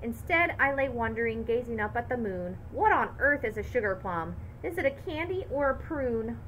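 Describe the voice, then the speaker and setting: Bright, expressive woman reading aloud. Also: fairly high pitch, normal speed, a little hiss or hum, low-quality recording. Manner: lively, expressive storytelling. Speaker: teacher. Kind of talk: reading a picture book aloud to children.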